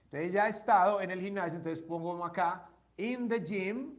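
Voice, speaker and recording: High-voiced man teaching grammar. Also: normal speed, lo-fi sound. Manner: explains step by step, asks students questions. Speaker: English teacher. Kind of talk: classroom grammar lesson.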